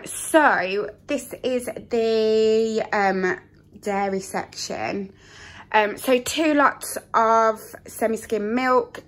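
A young mum talks casually from behind the camera in her kitchen, walking through her groceries. She rambles in a relaxed, self-mocking way, with frequent "um" fillers, and her voice sits at an ordinary middle pitch. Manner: chatty, self-deprecating, many "um" fillers. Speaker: vlogger, mother. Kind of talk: casual grocery haul chat. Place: home kitchen.

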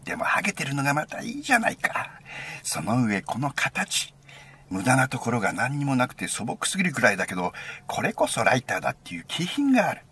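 A man voicing an excited young male student who gushes in a loud, rapid rush, with an Osaka accent. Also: sits high, gravelly, slight background noise, pitched above the performer's own voice, full character voice.

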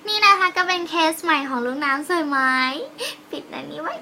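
A young woman selling phone cases in a casual, giggly vlog, talking fast and playfully into a phone camera. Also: high voice, bright, forceful tone, a little hiss or hum. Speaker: online seller vlogger.

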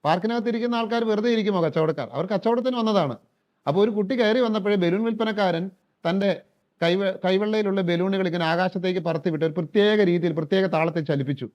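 A middle-aged man tells a story and gives advice as a counselor. He is earnest and turns to his listeners directly, in a high voice. The recording sounds dull and lo-fi. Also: fast talker, a little mellow.

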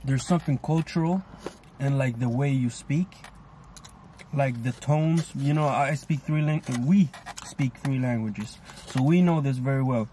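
A man's voice: mid-range voice, a little slow, dark tone, a little hiss or hum. Thoughtful man chatting on a food vlog. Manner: thoughtful, rambling, many fillers. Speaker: co-host. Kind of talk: casual chat while eating.

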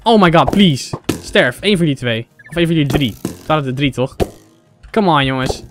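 A young man from the Netherlands doing Minecraft let's play commentary, excitable, exclaiming in English and chatting to his viewers. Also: on the high side, moderate pace. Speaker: gaming channel host. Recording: faint game music behind.

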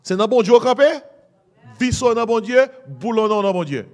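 A man's voice: high-pitched, expressive, moderate pace. A middle-aged man with a Haitian Creole accent preaching a sermon, mixing Creole and French, exhorting with "amen" and "hein?". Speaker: pastor.

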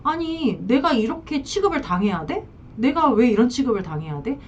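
A woman's voice: on the high side, big pitch swings, normal speed, a little mellow, recorded from a distance, slight background noise. A woman acting out a divorced mistress who pleads, accuses and threatens her married lover. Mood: indignant. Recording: dull lo-fi sound.

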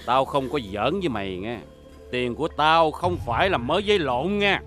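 A bullying moneylender, played by a man, leans on a poor debtor with a bright, forceful edge to his voice. He sounds threatening and leering as he talks down to the man. Soft music plays underneath. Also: medium pitch, expressive, normal speed, lightly acted. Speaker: loan shark. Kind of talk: TV crime drama acting.

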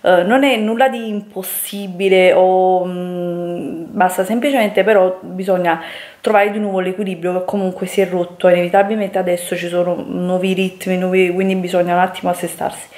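A woman's voice: on the low side, steady tone, moderate pace, a little mellow. A young woman chatting casually as a beauty vlogger in her bedroom, with many fillers and restarts. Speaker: beauty influencer. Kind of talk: casual vlog chat. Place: bedroom at home. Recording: echoey room.

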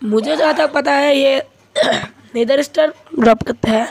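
A man's voice: extremely high pitch, measured pace, gravelly. A young male gamer chatting casually and bantering with a friend while playing. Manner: bantering, excitable when in danger. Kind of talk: casual gameplay chat.

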